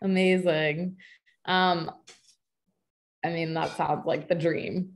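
Speaking through a webcam from her living room, a woman in her twenties moderates a video-call webinar as its host. Her voice is lowish, and though she gushes, bubbly and upbeat with plenty of likes and ums, her delivery comes out flat and slow.

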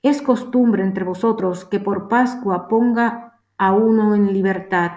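A woman's voice: medium pitch, slow, close to an everyday voice. Woman reading a questioning Roman governor. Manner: steady solemn reading. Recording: roomy echo.

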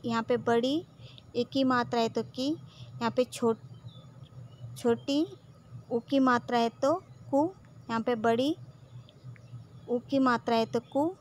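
A woman's voice: a little high, a little hiss or hum. A woman teacher with a Gujarati accent who patiently drills syllables one by one, saying "okay" often. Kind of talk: slow classroom lesson.

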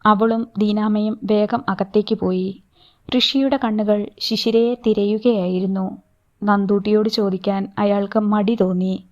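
A woman narrating a novel as an audiobook, with slow, even storytelling delivery. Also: medium pitch, dull audio. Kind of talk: novel reading.

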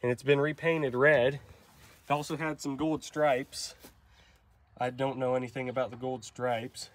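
A man's voice: medium pitch, a little hiss or hum. A young man hosting a casual truck vlog, rambling and unsure, with frequent ums. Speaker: vlog host.

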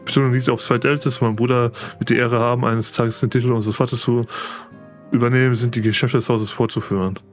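Guy reading a chatty eager young noble, second son, bragging a bit, plain mid voice, quiet game music. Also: medium pitch, flat delivery, fast talker, lightly acted. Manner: read aloud plainly from game text.

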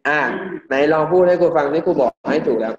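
A male English teacher from Thailand giving a classroom pronunciation lesson, drilling words slowly and repeating each one for the class. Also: a little high, lively intonation, a little mellow, a little hiss or hum. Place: classroom with students. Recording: dull lo-fi classroom recording.

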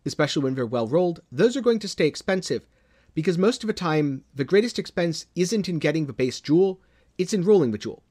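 A man hosting a gaming channel, giving scripted news commentary in a measured way, dropping low and dramatic at the ends of phrases. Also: animated, darkish tone. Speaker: gaming video host.

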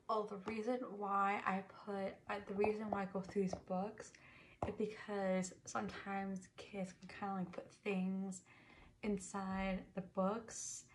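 A young woman in a soft-spoken, ASMR role-play as a librarian, murmuring to herself in a small bedroom. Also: mid-range voice. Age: young adult. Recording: noisy, with clicking and tapping.

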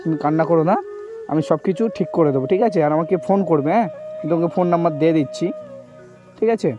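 A man who talks to a young woman in a gentle, reassuring way and keeps asking "okay?". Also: fairly high pitch, rapid-fire. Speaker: charity video host. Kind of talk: staged outdoor conversation. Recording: dull lo-fi sound with music behind. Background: background music.

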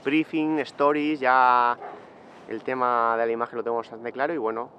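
A man's voice: medium pitch, flat delivery, normal speed, highs cut off, a little hiss or hum. A man in his thirties, a mountain bike racer, chatting casually and jokingly to a close-range camera outdoors on a hillside. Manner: joking, slangy, breezy. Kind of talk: casual vlog chat.

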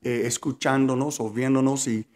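A man's voice: mid-range voice, fairly even intonation, moderate pace, a little mellow. A man hosting a podcast interview, affirming his guest and following up on her points. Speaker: podcast host, pastor.

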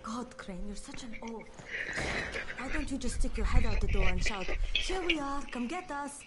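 Woman voicing a sharp-tongued survivor girl. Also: a little high, animated, moderate pace, very noisy, close to an everyday voice. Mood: scolding. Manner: scolding, urgent. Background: game music.

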